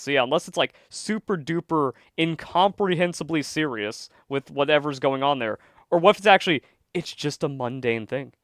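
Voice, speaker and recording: A man co-hosting a casual political podcast, his voice sitting a little high. He gets animated and slips into quoted voices as he explains. The sound is dry, close and free of room echo. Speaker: podcast co-host.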